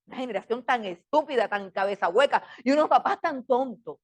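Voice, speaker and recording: A woman's voice: on the high side, animated, fairly quick. A middle-aged woman teaching a Bible class in a fiery preaching style. She scolds with emphatic repetitions and keeps firing off rhetorical questions.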